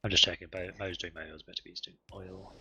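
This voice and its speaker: A man's voice: low-pitched, flat delivery, fast talker, background noise. A man speedrunning a game with friends, chatting casually and joking, breaking off mid-sentence. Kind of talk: casual chat while gaming.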